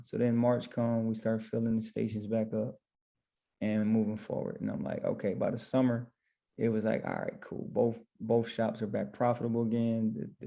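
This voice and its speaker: A man's voice: lowish voice, vocal fry, dark tone. A man who owns barbershops, guest on a podcast, telling his story casually and retelling his own thoughts as quotes.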